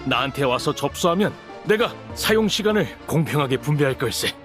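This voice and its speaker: Man playing a middle-aged village official, measured and fatherly, slightly raised voice, faint game music behind. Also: fairly high pitch, lively intonation, lightly acted. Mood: calming. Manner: measured, paternal and explanatory. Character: male village official handing out energy, patient and formal. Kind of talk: video game voice acting.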